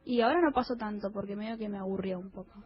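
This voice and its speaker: A woman's voice: medium pitch, rapid-fire, breathy edge, lo-fi sound, faint music behind. Cute anime-voiced Argentine woman. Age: early 30s. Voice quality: small, cute, girlish anime-like voice. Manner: giggly, informal. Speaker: interview guest, historian and author. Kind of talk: casual chat.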